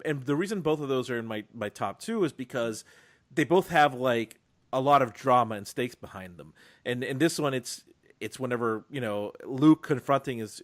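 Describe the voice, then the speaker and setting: A young man co-hosting a film podcast, talking casually and excitedly about a favorite movie, with frequent restarts and quoted lines. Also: mid-range voice. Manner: animated, quoting film lines, many restarts. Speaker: podcast co-host.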